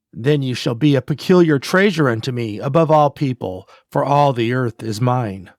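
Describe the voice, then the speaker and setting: Male scripture reader, mid pitch, solemn measured delivery, dry close recording. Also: a little mellow, no echo.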